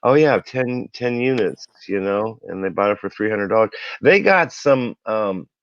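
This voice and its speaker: A man's voice: fairly low pitch, animated, normal speed, no echo. A man hosting a casual interview, upbeat and encouraging, often affirming his guest. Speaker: interview host. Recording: dull, dry lo-fi sound.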